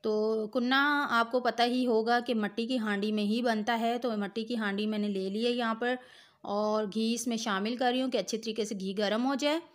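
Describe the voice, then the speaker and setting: A middle-aged woman walks the viewer through a home recipe one step at a time. Her voice sits a little high, and her tone stays patient and instructive. She speaks straight to the listener as a cooking host. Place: home kitchen.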